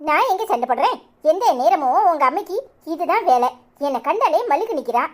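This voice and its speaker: A woman voicing a sharp-tongued young wife in a cartoon serial, scolding in a Kanyakumari Tamil accent. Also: high voice, sing-song, a little fast. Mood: aggrieved. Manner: scolding, combative. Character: sharp-tongued young wife fighting her co-daughter-in-law.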